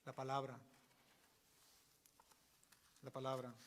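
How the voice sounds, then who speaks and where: A man's voice: medium pitch, completely flat delivery, slow, fairly bright tone, reverberant. A man preaching a sermon as pastor, emphatic and explaining Hebrew words to his congregation. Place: church sanctuary.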